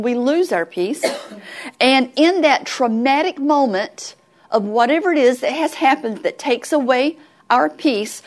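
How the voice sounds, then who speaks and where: Southern woman, middle-aged, folksy ministry teacher, slightly high voice, plain earnest delivery. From Southern United States.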